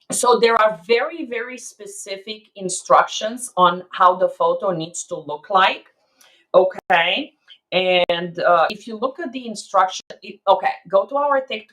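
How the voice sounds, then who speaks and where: Woman lawyer, live q&a, explanatory, checks in often, mid pitch. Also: a bit bright, rough recording. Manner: explanatory, peppered with "okay?". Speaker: immigration attorney. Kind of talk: live Q&A stream.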